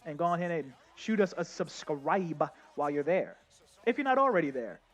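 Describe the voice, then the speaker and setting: Chatty excitable male game streamer. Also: on the high side, moderate pace, highs cut off. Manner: chatty, excitable, addresses chat as y'all. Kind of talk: casual live gameplay commentary.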